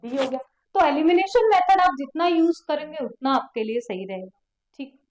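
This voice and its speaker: A woman's voice: high-pitched, lively intonation, normal speed, a little mellow, reverberant, rough recording. A woman teaching an exam prep lesson, who explains step by step, repeats key words and keeps quizzing her students. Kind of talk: online exam coaching lesson.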